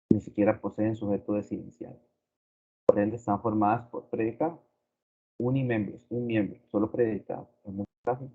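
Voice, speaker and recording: A man teaching a grammar lesson slowly and deliberately, repeating his examples. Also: on the low side, dark tone, breathy edge. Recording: tinny phone-like recording.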